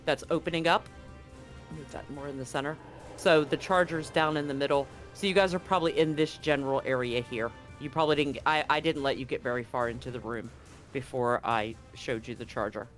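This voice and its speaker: With music playing in the background, a game master leads a live tabletop session and walks through the action and rules in a relaxed, chatty manner. The mid-range voice moves fairly quickly and sounds a bit bright.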